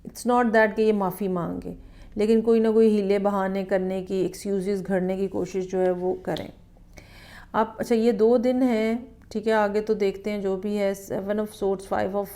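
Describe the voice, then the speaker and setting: A woman giving a weekly tarot horoscope reading in a measured, explanatory way, often checking in with the listener. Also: mid-range voice, level tone, warm tone. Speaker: tarot reader.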